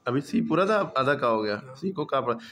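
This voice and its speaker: A man's voice: mid-range voice, animated, normal speed, fairly bright tone. A man teaching English reading in a patient classroom lesson, drilling students with repeated questions.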